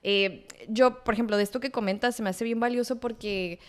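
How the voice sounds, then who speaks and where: A woman's voice: a little high, fairly even intonation, a little fast. A young adult woman hosting an interview, talking in a chatty, rambling way with frequent restarts. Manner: chatty, lots of fillers and restarts, warm agreement. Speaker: psychologist host. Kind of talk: casual interview chat.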